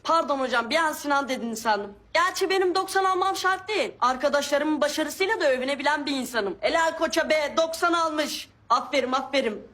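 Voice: high-pitched, brisk, few pauses, pushed and bright. A performer voicing a cheeky, clueless schoolboy who keeps making excuses to his teacher in a comedy sketch, with music behind.

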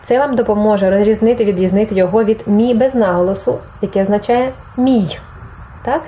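Lady teaching spanish grammar online, warm mellow tone, slight noise in the background. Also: mid-range voice, fairly quick, rough recording. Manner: explains patiently, reads Spanish examples aloud and translates them. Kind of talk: online language lesson.

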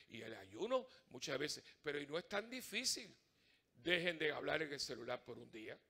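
Bright-voiced lively priest giving a homily. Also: male voice, on the high side, vocal fry. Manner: animated and humorous, acts out little dialogues and asks the congregation questions. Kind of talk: conversational Sunday homily. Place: church.

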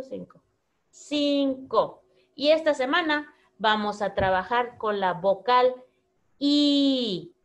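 A woman teacher giving a slow, clear phonics lesson to young children, repeating each word. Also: fairly high pitch.

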